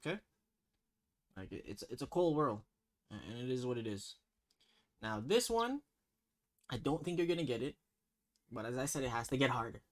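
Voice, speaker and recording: A man with a Toronto accent runs a casual slang quiz at a middle pitch. He talks in slangy banter, teasing his contestant with mock sternness. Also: big pitch swings, moderate pace, long pauses. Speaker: quiz host.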